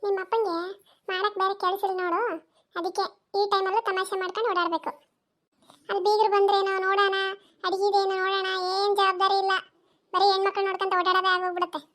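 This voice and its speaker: A shrill, very high cartoon mother, sharp-tongued and always scolding, voiced by a woman. She fires off her complaints at a brisk clip, nagging without pause. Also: level tone. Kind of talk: cartoon voice acting.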